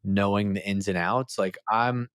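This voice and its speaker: A man hosting a business podcast with a very low, deep voice, recorded dry and close with no room sound. He rambles casually, sprinkling his questions with "like". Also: fairly even intonation, unhurried, fairly bright tone, smooth, no room sound. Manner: casual, rambling, many "like" fillers. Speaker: podcast host.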